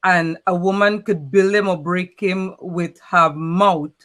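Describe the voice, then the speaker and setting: A woman's voice: on the low side, fairly even intonation, slow, fairly bright tone. A woman with a Trinidadian accent hosts a casual panel discussion over a video call, speaking earnestly and often repeating words as she starts a thought. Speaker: host.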